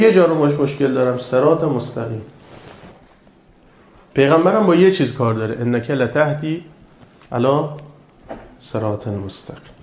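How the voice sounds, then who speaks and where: Male preacher, sermon to a live crowd, higher-than-usual voice, loud emphatic bursts and quiet asides, slow deliberate verse recitation, echoey room. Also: slight background noise. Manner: asks the audience questions. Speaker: religious lecturer.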